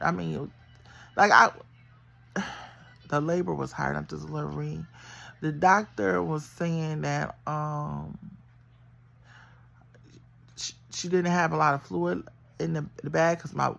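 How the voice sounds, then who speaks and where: A middle-aged woman telling her own story in a casual, animated and emphatic way, getting loud in the heated parts. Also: on the low side, vocal fry. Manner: animated, emphatic, swings into loud bursts when retelling. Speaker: vlogger.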